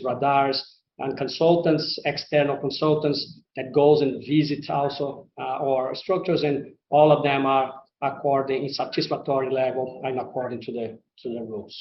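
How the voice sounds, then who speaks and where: Speaking English as a second language, a male executive presents company results to investors in a semi-scripted earnings call, halting and hesitant with repeated words. His voice is medium-pitched, and the conference-call line sounds roomy and muffled, with faint noise.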